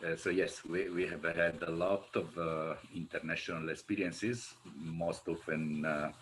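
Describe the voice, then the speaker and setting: Deep-voiced man with halting delivery. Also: steady tone, fairly bright tone, slight background noise. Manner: measured, many drawn-out fillers. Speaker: panelist, wetland engineer. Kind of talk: conference panel discussion. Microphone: video call.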